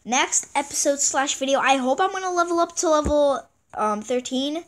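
High-pitched girl narrating her game, super excitable, keeps repeating herself. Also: normal speed. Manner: excitable, repeats exclamations, restarts words. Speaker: gaming channel host. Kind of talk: casual gameplay commentary.

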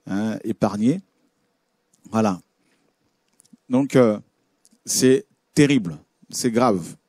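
Male preacher, low and dark-toned, halting with fillers while he comments and reads scripture. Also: dry recording, clean studio sound. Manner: hesitant, many fillers and restarts. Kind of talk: sermon with Bible reading and commentary on images.

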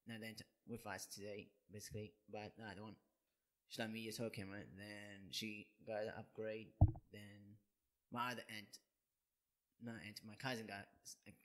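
A young man in his twenties answering interview questions in a halting, hesitant way, often restarting his sentences. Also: fairly low pitch, a bit bright. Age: 20s. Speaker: guest, job seeker.

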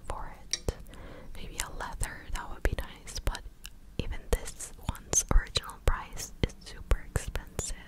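A woman in her twenties chatting casually in a breathy, close-up ASMR whisper, right up at the microphone as if into the listener's ear. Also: rough recording. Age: 20s. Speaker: ASMR content creator. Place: living room indoors. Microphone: large USB microphone very close to the mouth.

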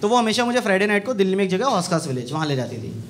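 A man's voice: high voice, very fast, a crowd in the background. A young man doing a stand-up set in a small comedy club, handheld mic, telling mocking stories with lots of energy. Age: young adult. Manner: animated, mocking storytelling. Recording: live club set with loud audience laughter.

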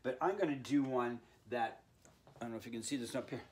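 A man's voice: mid-range voice, brisk. A man in his sixties giving an informal, folksy drawing lesson for kids, playfully dropping in little sound words as he demonstrates. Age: 60s. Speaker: art teacher hosting a drawing tutorial channel for kids. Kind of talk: informal instructional talk while drawing. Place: indoor room with art on the wall.

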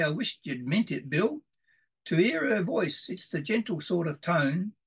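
A man's voice: high-pitched, vocal fry, a bit bright, slightly rough, pitched above the performer's own voice, heavily acted, low-quality recording. A man voicing a lovestruck young Australian larrikin bloke who talks in slang with a lilting, besotted manner.

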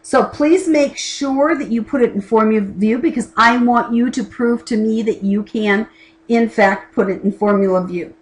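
A college instructor in middle age teaches by video from a home desk with a keyboard and lamp, captured by a camera above the desk. Her slightly high voice moves at normal speed, chatty and plain-spoken with asides, for a recorded class lesson. The audio is poor.

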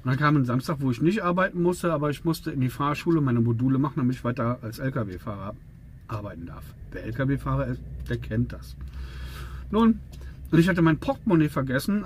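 A truck driver telling stories in a casual, rambling vlog with many fillers. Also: male voice, mid-range voice, lively intonation, fairly quick, a little hiss or hum. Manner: chatty, rambling, with frequent fillers.

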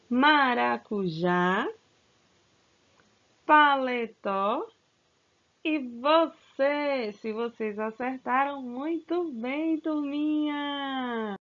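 A woman teaching a recorded grammar lesson to children, stretching out words and coaxing them with questions. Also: on the high side. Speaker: school teacher. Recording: slightly dull, lo-fi sound.

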